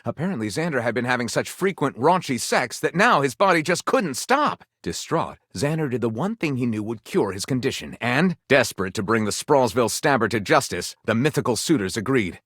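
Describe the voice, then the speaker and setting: Lurid fantasy tales pour from an overwrought male game narrator, his pitch swinging widely across theatrical, suspenseful, scripted lines in a melodramatic mood. Very animated and fairly bright, he speaks a little fast with hardly any pauses, recorded dry with no room sound.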